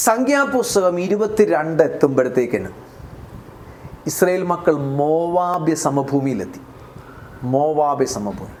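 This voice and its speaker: A man's voice: on the high side, darkish tone, a little hiss or hum. A man with a Malayali accent preaching a sermon as pastor, often putting questions to the congregation. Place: church.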